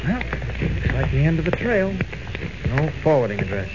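An actor playing a polite, meek young reporter doing detective work in a 1940s radio serial, often thinking aloud. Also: male voice, a little high, sing-song, normal speed. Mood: musing. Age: young adult. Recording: muffled, noisy old radio recording.

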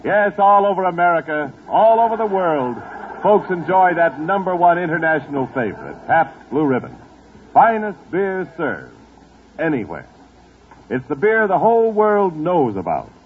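Male radio announcer, 1940s, lively bouncing pitch, tinny old broadcast disc sound. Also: slight background noise. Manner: brisk, upbeat salesman's delivery.

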